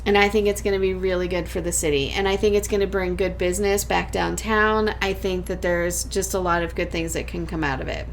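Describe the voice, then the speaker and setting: A woman's voice: fairly low pitch, steady tone, a little fast, hardly any pauses, a little hiss or hum. Chatty podcast host woman. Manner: chatty, laughs often. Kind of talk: casual podcast chat.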